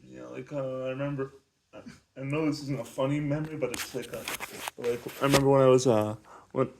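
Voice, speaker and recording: A teenage boy interviews his father for a class project, hesitant and full of fillers as he searches for words. His voice has a medium pitch. Faint hiss and clicks sit under the recording. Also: steady tone, a little fast. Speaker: student interviewer. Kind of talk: school interview. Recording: faint background noise with clicks.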